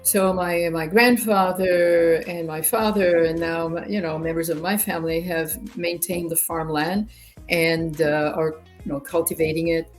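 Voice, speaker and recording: A native French-speaking woman from rural Ontario near Quebec, Canada, a director of a human rights youth organisation, talks in English as an interview guest, telling personal stories conversationally and often repeating words. Her voice is lowish, a little slow and fairly even in intonation, with soft music in the background.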